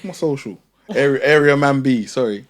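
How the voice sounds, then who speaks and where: A man's voice: medium pitch, moderate pace. A man, a podcast guest joking around and repeating himself for effect. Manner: jokey, repeats his points. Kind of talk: casual banter.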